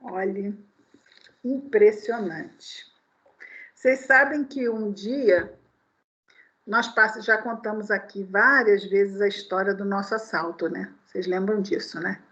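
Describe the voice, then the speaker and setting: A woman's voice: medium pitch, slow. A woman lecturing at a spiritist meeting, telling stories and asking her listeners rhetorical questions. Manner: animated storyteller, full of rhetorical questions. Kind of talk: sermon-style talk with personal anecdotes. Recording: dull lo-fi recording.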